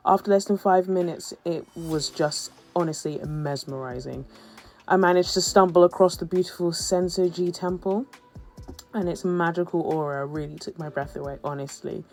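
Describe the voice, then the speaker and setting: A woman's voice: on the low side, fairly even intonation, normal speed, darkish tone. A woman narrating her travel vlog as a voice-over, telling her story in a chatty, humorous way with playful asides. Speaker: travel vlogger.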